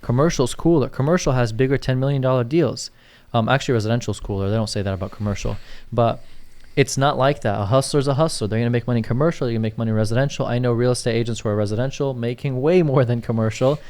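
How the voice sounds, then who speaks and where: A man's voice: mid-range voice, racing, hardly any pauses, a little mellow, clear, resonant tone. A young man co-hosting a casual podcast, talking loosely, reading out viewer questions and often asking "you get what I'm saying". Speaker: podcast co-host.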